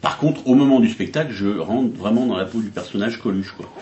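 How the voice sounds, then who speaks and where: Soft-spoken low-voiced man. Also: roomy sound, highs cut off, slight background noise. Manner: thoughtful, halting with fillers. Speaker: impersonator. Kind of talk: interview.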